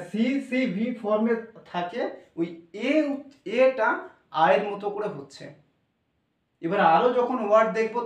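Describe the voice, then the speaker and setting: Guy teaching english sounds, high voice, patient, spells out letters slowly, far off in an echoey room. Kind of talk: classroom explanation.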